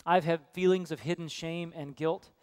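A man preaching a sermon to his congregation, earnest and direct, telling stories with hushed quoted voices. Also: a little high, steady tone, normal speed, smooth, dry recording, clean studio sound. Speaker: pastor. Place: church sanctuary.

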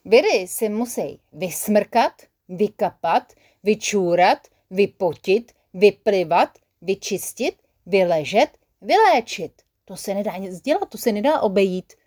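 A woman's voice: mid-range voice, expressive, mellow, natural voice. Woman as a kind, firm storybook nurse creature. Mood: instructive. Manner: soothing yet firm, instructive.

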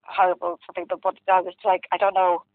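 A woman's voice: on the low side, completely flat delivery, fast, dry recording. A woman with a west of Ireland accent, telling a personal story casually and candidly in a rambling, conversational way full of filler phrases. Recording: muffled, dry phone-like line.

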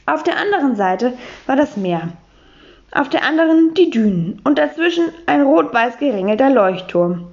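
A woman reading a children's storybook aloud, telling it lively in the first person as a boy. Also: high-pitched, normal speed. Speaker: audiobook reader. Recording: dull lo-fi recording.

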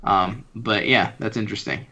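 A man's voice: on the low side, normal speed, bright, forceful tone, dull audio. A man co-hosting a casual podcast talk about books, speaking loosely and hedging his points. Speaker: podcast co-host discussing books. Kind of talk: casual chat.

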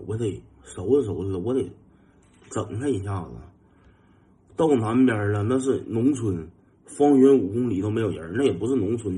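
A young man with a Northeastern Mandarin accent telling a funny anecdote in a lively, casual way, mimicking engine noises and chuckling. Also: on the low side. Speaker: storyteller.

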